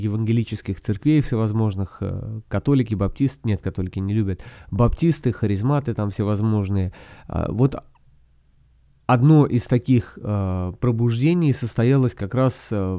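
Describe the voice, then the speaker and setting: Low, very mellow man explaining thoughtfully. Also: dry recording, studio quality. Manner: halting, reflective, explanatory. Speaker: podcast author and host. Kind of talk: conversational monologue podcast.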